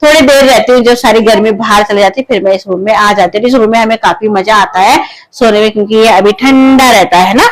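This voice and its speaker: A woman from Uttarakhand in her thirties, loudly and chattily vlogging her day at home and in the kitchen while feeling a bit unwell. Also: medium pitch, fairly quick, rough recording. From Uttarakhand, India. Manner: loud, talkative, says she speaks loudly by habit. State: unwell, tired. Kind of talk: casual home vlog chat. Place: small home rooms and kitchen. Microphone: clip-on mic at times, later phone camera without it.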